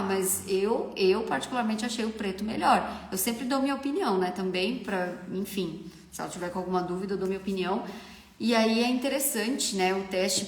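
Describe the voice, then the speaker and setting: A young Brazilian woman with a Brazilian Portuguese accent, a makeup artist hosting a live stream and giving frank, chatty advice. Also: medium pitch. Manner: chatty, frank, often asks "entendeu?". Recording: echoey room.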